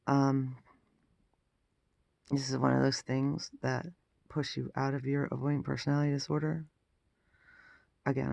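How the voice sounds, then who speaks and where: A man giving a casual personal health update, sounding exhausted and groggy, with a gravelly, croaky throat and a halting delivery that trails off. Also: medium pitch, a little mellow, no echo, muffled recording. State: throat rough after intubation. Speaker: vlogger.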